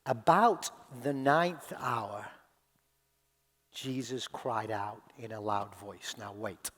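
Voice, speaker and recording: A male pastor giving a sermon. He speaks slowly and deliberately, dropping to a hush and then rising to loud, impassioned cries. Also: lowish voice. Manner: dramatic swings from hushed to loud crying out; slow, deliberate delivery with long pauses. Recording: long hall reverb.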